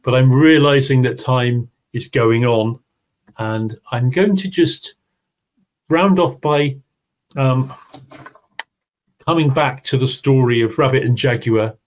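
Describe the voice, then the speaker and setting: A man leads an online teaching seminar, explaining as he goes through his slides for the audience. He speaks in a mid-range voice, slowly, leaving long pauses.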